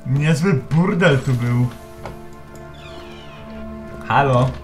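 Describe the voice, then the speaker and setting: A man plays a horror game and comments as he goes, swearing and talking to himself and to the objects around him. His delivery is slow and drawn out, at a middling pitch. The voice sits in an echoey room with clear game music underneath. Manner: shouts in panic when scared. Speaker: let's play gamer. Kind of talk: let's play commentary.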